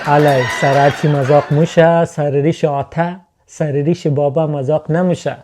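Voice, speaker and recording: A man's voice: a little high, fairly even intonation, close to an everyday voice. A man with a Hazaragi accent playing a playful Hazara man who teases and laughs in a comedy sketch. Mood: teasing. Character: teasing Hazara young man, joking. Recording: noisy home recording.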